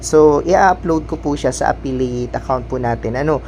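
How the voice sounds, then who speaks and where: A man hosts an informal step-by-step app tutorial, speaking politely and instructively and repeating verbal tags. His mid-range voice is a little mellow and goes at a normal speed. The recording has a clearly noisy background hum.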